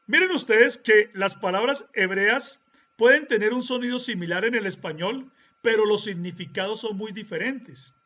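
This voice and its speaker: A man giving a deliberate Bible-teaching talk, explaining step by step and checking in with short rhetorical questions. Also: high voice, pushed and bright, highs cut off.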